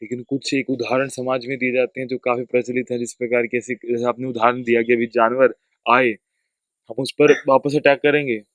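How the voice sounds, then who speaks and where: A man's voice: medium pitch, little pitch movement, a little fast, no room sound. A man speaking as a student in a podcast conversation, respectful and deferential, mostly brief agreements and one retold story.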